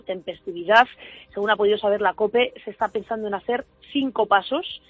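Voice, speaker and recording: A woman correspondent delivering a radio news report in a measured cadence. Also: medium pitch, slightly rough, dry recording, rough recording.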